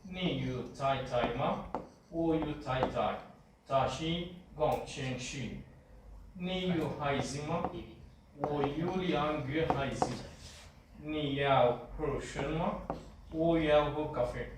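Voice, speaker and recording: Distant, echoey man haltingly practicing Mandarin. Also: fairly high pitch. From Australia. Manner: halting, careful learner's pronunciation. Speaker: beginner Chinese student. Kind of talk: reciting a practice dialogue in class. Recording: distant, very echoey, noisy classroom pickup.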